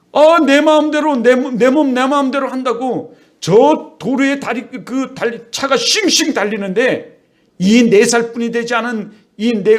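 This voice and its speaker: A middle-aged male pastor delivers a sermon with a fairly high-pitched voice. He preaches in a lively way and slips into the voices of children and parents to make his points.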